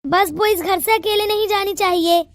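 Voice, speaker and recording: A woman's voice: very high voice, normal speed, dry recording, clean studio sound. A woman voicing a stern, wealthy older father in a cartoon, speaking in a commanding, fatherly way. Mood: earnest.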